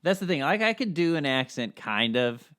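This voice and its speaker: A man's voice: on the high side, very animated, normal speed, fairly bright tone, clear, resonant tone. A man co-hosting a comedy podcast, chatting casually and jokingly, rambling with lots of fillers and restarts. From Scottish-Irish family heritage. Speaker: podcast co-host.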